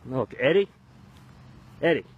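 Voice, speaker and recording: A man doing mock-formal televised golf commentary for friends outdoors, sometimes dropping to a hushed announcer voice. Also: medium pitch, animated, a little slow, husky, narrow, tinny audio. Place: outdoors on a windy course. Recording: loud wind noise outdoors.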